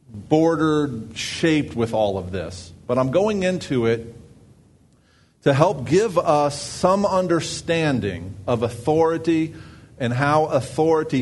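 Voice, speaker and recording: A man's voice: on the high side, a little mellow. A man, a pastor, giving announcements and a sermon in a conversational way, thinking aloud with fillers and restarts.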